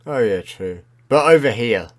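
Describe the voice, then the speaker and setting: A man's voice: medium pitch, lively intonation, moderate pace, a crowd in the background. A young man hosting a podcast, chatting with a friend in an easygoing, agreeable way. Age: young adult. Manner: easygoing, agreeable, loose conversational talk. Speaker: podcast host. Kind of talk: casual chat.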